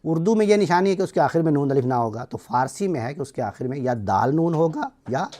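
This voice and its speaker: A man's voice: fairly high pitch, lively intonation, warm tone, slight background noise. A middle-aged man with a Pakistani accent teaching a class, explaining step by step and checking that his students follow. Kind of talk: classroom lecture.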